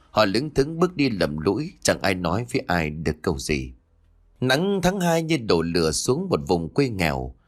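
A man narrating a dramatic story aloud with expressive delivery. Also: fairly low pitch.

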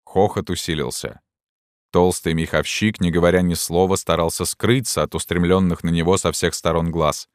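A man reads a classic novel aloud in a low, steady voice. The sound is dry and close, with no room around it. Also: moderate pace, no room sound. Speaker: narrator. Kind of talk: audiobook narration.

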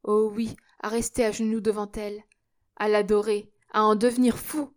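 A woman reading the part of a loyal, warm-hearted young male worker, speaking tenderly and earnestly. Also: mid-range voice, flat delivery, normal speed, close to an everyday voice. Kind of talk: audiobook character reading.

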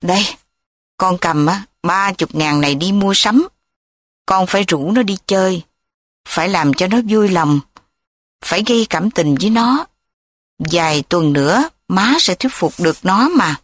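A woman's voice: lowish voice, expressive, unhurried, dry recording. A woman voicing a domineering middle-aged mother who scolds and commands. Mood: coaxing.

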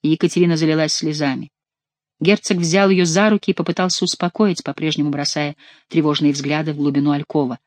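A narrator giving an expressive, theatrical reading of a historical novel. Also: mid-range voice, brisk, no echo. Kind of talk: audiobook narration.

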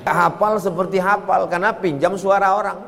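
A man preaching a sermon, lively and breaking into chanted prayers now and then. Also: sits high, moderate pace, vocal fry, slight background noise. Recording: long hall reverb.

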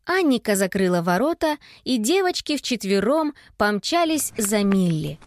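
A woman narrating a children's audiobook in an expressive storytelling manner. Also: mid-range voice, moderate pace, a little hiss or hum.

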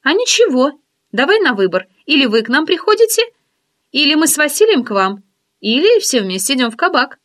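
A brash, chatty girlfriend fires off teasing scolds and bossy plans in a bright, high voice that leaps all over, as a woman reading the book puts her on. The pitch swings wide and lively, full of nosy energy. It is an audiobook character voice. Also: fairly quick.

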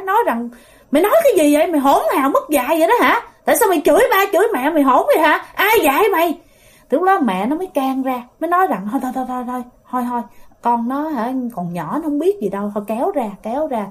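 A woman with a Southern Vietnamese accent telling a ghost story in a chatty way, talking straight to her listeners. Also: fairly high pitch. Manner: chatty, addresses listeners directly.

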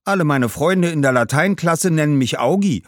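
A man's voice: on the high side, lively intonation, moderate pace, no room sound, studio quality, pitched above the performer's own voice, natural voice. A man voicing an earnest, bookish young schoolboy who talks eagerly and insistently in a storybook.

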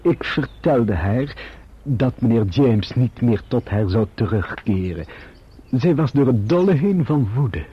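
In a muffled radio drama recording, a servile Dutch manservant with a Netherlands accent speaks in a very husky voice that swings widely in pitch. He's animated yet a little slow, smooth and deferential, reporting in formal, self-serving phrases with careful hesitations.

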